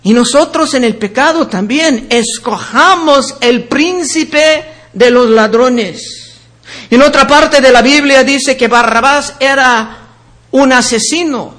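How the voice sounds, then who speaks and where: A man preaches with a strikingly high, bright voice and a slow, unhurried delivery. He talks earnestly to his listeners as brothers and sisters and reads scripture aloud, naming each reference. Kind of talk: sermon.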